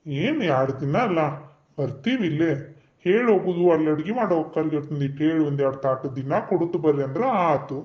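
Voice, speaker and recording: A man's voice: fairly high pitch, expressive, a little fast, muffled recording, lightly acted. A man voicing an easygoing, generous middle-aged village husband in a cartoon, with a North Karnataka Kannada accent.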